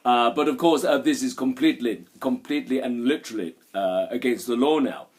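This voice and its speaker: A man's voice: mid-range voice, fairly quick, close to an everyday voice. A man playing a vain, hapless fairy-tale prince in a comic mock interview, smug, rambling and hesitant. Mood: smug, awkward.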